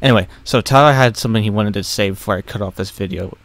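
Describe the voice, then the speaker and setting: A man hosting his own reaction video, talking in a relaxed, wry, casual way. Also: lowish voice, fast. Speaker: YouTube channel host.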